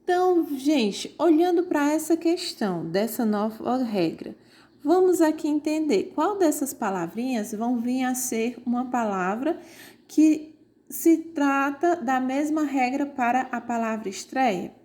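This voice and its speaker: A woman teaching an online grammar lesson, explaining slowly and pointing out examples on screen. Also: sits high, lively intonation, mellow.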